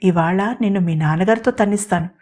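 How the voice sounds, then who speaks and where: A woman's voice: medium pitch, darkish tone, natural voice. A woman voicing a bold, scheming young woman who scolds and bosses others in an audio story. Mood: bossy teasing. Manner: bossy, rapid, scolding.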